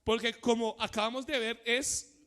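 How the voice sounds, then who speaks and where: A man preaching a sermon, repeating phrases, pausing on fillers and asking the congregation "cierto?". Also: very high-pitched, flat delivery, a bit bright. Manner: many fillers, repeats phrases, asks the church questions.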